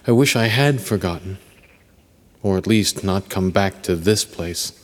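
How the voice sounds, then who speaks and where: A man's voice: low voice, unhurried. A man narrating a first-person story in a reflective, wry manner. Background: music.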